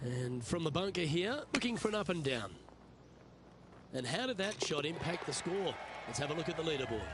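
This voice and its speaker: A man acting as a television golf commentator for a video game, with a fairly high male voice. He gives measured, short play-by-play calls over clearly audible outdoor background noise. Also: animated, close to an everyday voice. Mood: composed, observant.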